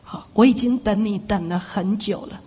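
A woman preacher voicing Jesus as a gentle, fatherly figure, speaking softly and slowly. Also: medium pitch, breathy edge, highs cut off, voice pushed down, close to an everyday voice. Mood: tender. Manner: soft, slow and tender. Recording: long reverb in a big hall.

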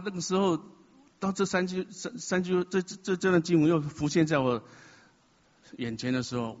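A man's voice: mid-range voice, breathy edge. A man sharing an emotional, confessional testimony at a church gathering, mixing self-mocking humor into his story. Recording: dull sound in a reverberant hall.

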